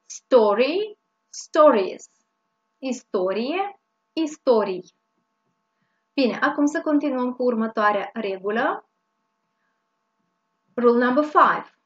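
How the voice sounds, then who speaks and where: A woman from Romania teaching English grammar, explaining each rule slowly and repeating it with small hesitations. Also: fairly high pitch, a bit bright. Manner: slow, explains each rule twice with fillers. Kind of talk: bilingual grammar lesson. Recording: dull lo-fi sound.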